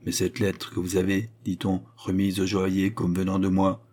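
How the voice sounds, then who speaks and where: A haughty queen, read by a man in a low, dark, husky voice, interrogating with cutting scorn. She sounds commanding and contemptuous in a spoken storybook. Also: completely flat delivery, moderate pace. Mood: stern, scornful. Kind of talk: audiobook reading.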